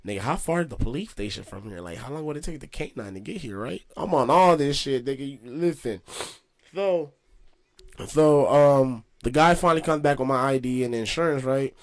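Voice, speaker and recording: A man's voice: medium pitch, fairly quick. Slangy young man telling a story. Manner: slangy, animated, profane. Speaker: host. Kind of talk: casual storytelling.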